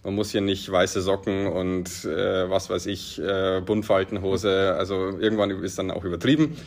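Low gravelly-voiced man explaining things. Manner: explanatory, many filler hesitations. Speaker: golf course manager. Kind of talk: interview answers.

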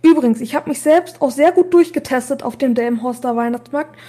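A woman's voice: sits high, fairly quick, warm tone. A woman hosting a school podcast, presenting in an enthusiastic, upbeat way. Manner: enthusiastic, recommending to listeners. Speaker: school podcast host and reporter.

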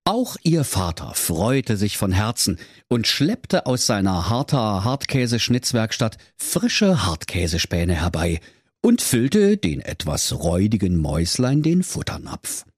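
A man tells a comic fairy tale in a mock-solemn storybook tone. His pitch is wildly animated. The sound is dry and close. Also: measured pace, husky, no room sound.

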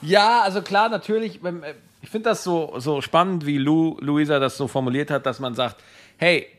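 A man co-hosting a casual podcast from home, animated and quick to swear, hamming up his bits. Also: fairly high pitch. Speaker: podcast co-host. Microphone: podcast microphone.

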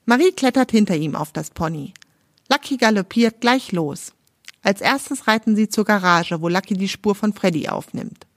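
A woman's voice: mid-range voice, normal speed, no room sound, studio quality. A woman from Germany, hosting a children's podcast, reading a story aloud and talking directly to the young listener in a friendly way.

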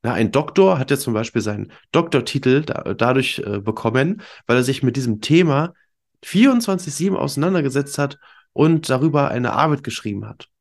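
Male podcast host, mid-pitched, stuffed up with a cold; informal, emphatic coaching delivery straight to the listener. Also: lively intonation, fairly quick. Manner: emphatic, conversational coaching with rhetorical questions. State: congested with a cold. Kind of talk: informal solo podcast talk, addressing listeners directly.

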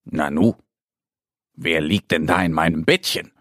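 A man voicing a good-natured little bear cub in a children's audio story, lower and cozy. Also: measured pace, fairly bright tone, dry recording, studio quality, full character voice. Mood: surprised.

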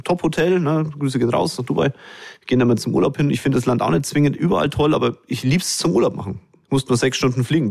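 A man's voice: medium pitch, creaky, darkish tone. A man hosting a podcast, talking straight to his listeners in a blunt, colloquial monologue. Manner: addresses listeners directly. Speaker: podcast host.

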